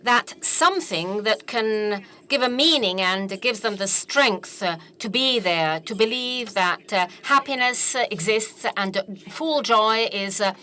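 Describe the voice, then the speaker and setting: Bright-voiced woman giving halting religious testimony. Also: medium pitch. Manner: halting delivery with frequent hesitant pauses.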